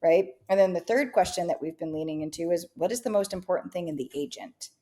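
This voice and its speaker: She talks fast in a lowish, warm voice as co-host of a business podcast. Upbeat and casual, she keeps checking in with a "right?" after many points.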